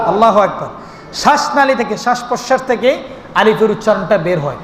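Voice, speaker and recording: A man's voice: very high-pitched, fairly bright tone, slight background noise. A man preaching a waz sermon, rhythmic and repetitive, asking the crowd questions and chanting at times. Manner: chants and sings the name of God. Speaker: Islamic preacher. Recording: echoing amplified sound in a long reverberant space.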